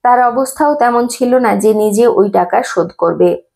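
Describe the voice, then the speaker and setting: Woman narrator for a devotional memoir reading, steady and reverent, with a gravelly texture. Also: fairly high pitch, normal speed.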